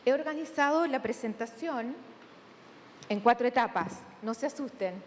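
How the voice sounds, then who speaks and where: A woman from Chile with a Chilean accent, giving a measured academic conference talk with thoughtful pauses in a large hall. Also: a little high. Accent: Chilean Spanish. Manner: measured, deliberate, with thinking pauses. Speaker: conference speaker. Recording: long hall reverb, faint room noise.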